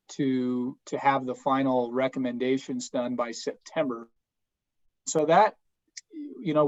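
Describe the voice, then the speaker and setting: A man chairing a committee meeting by phone, speaking haltingly with many fillers while his cell connection breaks up. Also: mid-range voice, lo-fi sound. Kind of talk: remarks at a public meeting. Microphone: phone on a remote call.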